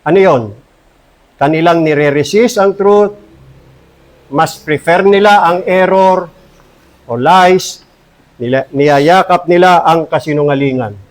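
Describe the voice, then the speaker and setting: A man with a Filipino accent, a pastor preaching an earnest, emphatic sermon in church and slowing down to read scripture. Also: fairly high pitch, rough recording. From Philippines. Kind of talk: Taglish sermon with Bible reading.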